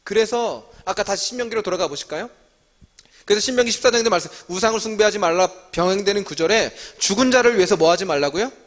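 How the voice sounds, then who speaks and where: A man with a fairly high voice teaches scripture to a gathering and keeps asking questions and then answering them himself. His voice rings in a church hall with a long reverb tail. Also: animated, fast talker, a bit bright. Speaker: staff teacher leading a Bible study. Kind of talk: interactive sermon teaching.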